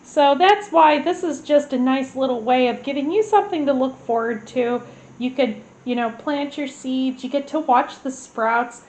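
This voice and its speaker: In a rough recording, a woman with a high, slightly mellow voice chats casually at normal speed for her gardening vlog. She's congested and clears her throat, rambling with many fillers and false starts.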